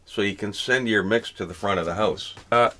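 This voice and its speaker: A man with a lowish, somewhat bright voice talks briskly while casually unboxing and demoing music gear. He thinks aloud, hesitant and unscripted, in a clearly noisy room.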